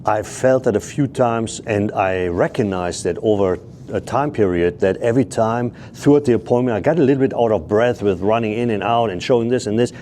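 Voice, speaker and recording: Deep-voiced, mellow sales trainer, man. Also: fairly quick, few pauses, slight background noise. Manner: blunt, coaching, drops rhetorical "right?". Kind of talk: casual group discussion.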